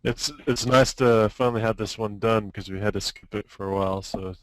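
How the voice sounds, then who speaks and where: A man chats in a relaxed way about the art he has finished. His voice is low and smooth, and it sounds dry and close to the mic. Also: brisk, dry recording, poor audio. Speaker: student artist in the class. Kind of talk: casual chat on a call.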